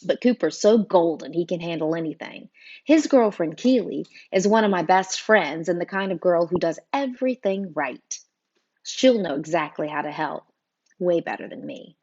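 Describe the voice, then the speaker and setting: A woman narrating a first-person audiobook in an expressive, emotional way, voicing every character. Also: lowish voice, breathy edge, muffled recording.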